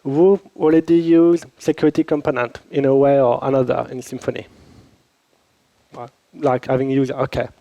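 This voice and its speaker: Speaking at medium pitch with a flat delivery, normal speed, vocal fry and a dark tone, this man teaches a conference workshop informally and poses questions to the room. He has a French accent, lives in Switzerland, and is recovering from a cold. His handheld or lapel mic recording has no echo, and the highs are cut off.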